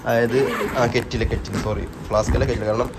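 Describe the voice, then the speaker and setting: A man's voice: mid-range voice, level tone, fast talker, music in the background. A young man from Kerala with a North Kerala Malayalam accent, chatting casually to viewers in a family vlog at home. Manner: chatty, addresses viewers as guys. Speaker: family vlogger.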